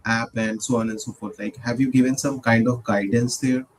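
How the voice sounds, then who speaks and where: A man's voice: medium pitch, fairly even intonation, moderate pace, a little hiss or hum, rough recording. Rambling male panelist asking questions. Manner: rambling, repeats words, tags with "right?". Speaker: panelist judge. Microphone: video call.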